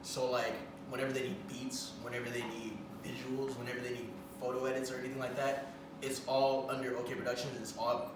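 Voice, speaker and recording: A man's voice: mid-range voice, level tone, brisk. A man in his twenties answers as an interview guest, hesitant and circling back to the same phrases. His voice sounds distant from the mic in an echoing room. A layer of background noise runs under it. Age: 20s. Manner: hesitant, repeats phrases like "when it comes down to it". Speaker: guest rapper and producer. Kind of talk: casual interview. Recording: roomy echo, far from the mic, background noise.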